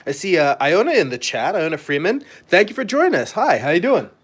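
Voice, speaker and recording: A comic artist hosts a live stream, chatting casually and a little ramblingly while demonstrating. His high, husky voice is sing-song and brisk.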